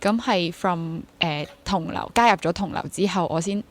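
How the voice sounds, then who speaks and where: In a relaxed interview, a freelance stage actor in her twenties with a Hong Kong accent talks about her personal experiences. Her voice is lowish and her pace normal, and English words keep popping up in her Cantonese.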